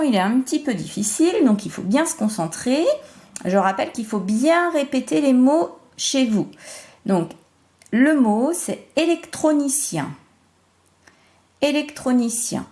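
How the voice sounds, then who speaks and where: Woman, primary teacher, remote phonics lesson; unhurried, animated pitch, deliberate letter-by-letter delivery. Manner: slow, deliberate, spells out syllables and sounds.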